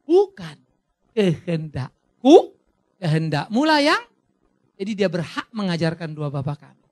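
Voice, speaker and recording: A middle-aged male pastor with a high voice preaches a lively, theatrical sermon, acting out small dialogues punctuated by sudden loud bursts. There is no room sound.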